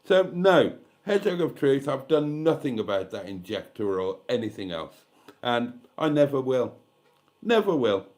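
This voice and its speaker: A man's voice: mid-range voice, very animated, moderate pace, a little mellow. Blunt, sweary man in his fifties. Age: 50s. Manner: blunt, candid and sweary, rambling asides. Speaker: livestream host. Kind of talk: casual live-stream chat reading comments.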